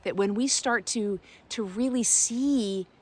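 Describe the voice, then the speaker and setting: Pausing often in the middle of phrases as she gropes for words, a woman offers reflective, unscripted inspiration in the role of a spiritual guide. She speaks on the high side.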